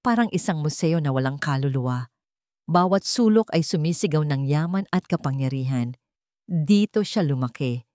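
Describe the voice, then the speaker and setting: A woman narrates a scripted dramatic story in a fairly low, slightly mellow voice. The recording is dry with clean studio sound.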